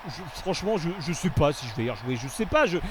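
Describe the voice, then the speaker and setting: A man giving gameplay commentary as a video host, animated, often swearing and yelling in frustration. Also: on the high side, fast talker, a little hiss or hum.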